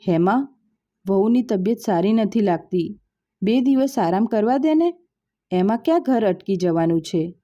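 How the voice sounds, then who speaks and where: A woman voicing a calm, caring older father who speaks gently, in a storybook reading. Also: medium pitch, unhurried, dull audio, natural voice.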